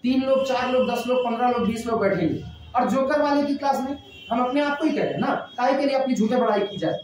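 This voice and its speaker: A man's voice: extremely high pitch, fast talker, darkish tone, slight background noise. A man teaching math in a classroom, chatting and repeating phrases as he dictates notes. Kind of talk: classroom lecture. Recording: echoey room, mic far off.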